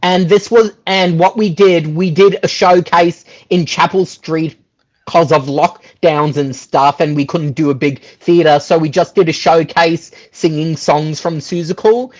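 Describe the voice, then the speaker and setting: A musical theatre performer, interviewed as a guest, chats casually about his own experiences in a steady, slightly high male voice at a somewhat slow pace. The recording sounds dull and lo-fi.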